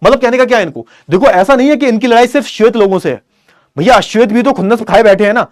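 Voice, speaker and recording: A man's voice: high-pitched, fast, no room sound, clean studio sound. A male teacher giving an online class lecture, asking and answering his own questions and repeating key phrases. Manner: repeats key phrases, calls students beta.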